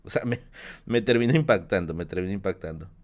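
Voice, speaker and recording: A streamer in his 30s tells stories in casual live-stream chat while sick with a bad flu, rambling and restarting often. He has a deep voice and talks fast.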